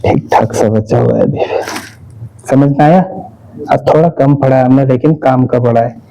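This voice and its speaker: A man's voice: medium pitch, fairly even intonation, normal speed, gravelly, dark tone, muffled recording, slight background noise. A male physics teacher lecturing a class, coaxing students by quizzing them with repeated questions and mixing his talk.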